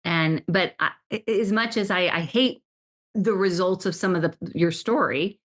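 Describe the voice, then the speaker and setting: Low-voiced woman hosting an interview. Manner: warm affirmations, halting restarts when asking questions. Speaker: podcast host.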